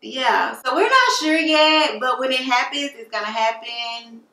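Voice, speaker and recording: With faint music behind her, a woman in her late twenties answers viewer questions as a beauty vlogger, sounding upbeat and using plenty of fillers. Her high, expressive voice is pushed and bright, at a measured pace, recorded in an echoey room with a distant mic.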